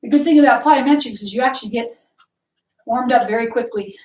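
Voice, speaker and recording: High-voiced woman leading a workout, a bit out of breath, echoey, mic kinda far off. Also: fairly quick, a little mellow. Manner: upbeat, counting and cueing moves. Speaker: martial arts instructor. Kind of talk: online workout class instruction. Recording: echoey room, voice from afar.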